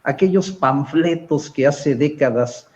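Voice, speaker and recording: A man with a Mexican accent speaking as a panelist in a political discussion, measured and analytical, often pausing on hesitant fillers. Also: on the high side, a little mellow, muffled recording.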